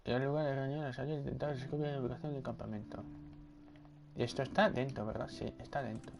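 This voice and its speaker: Quiet-talking gameplay commentator. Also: male voice, medium pitch, steady tone, fast, vocal fry, a little hiss or hum. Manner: speaking quietly, muttering to himself. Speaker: gameplay video creator. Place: home at night.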